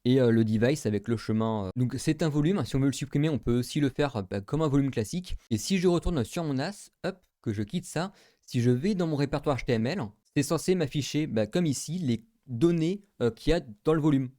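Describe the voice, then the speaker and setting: A man's voice: mid-range voice, animated, a little fast, warm tone, no room sound, studio quality. A man, casually talking through a screen-recorded tech tutorial, with many fillers and thinking aloud.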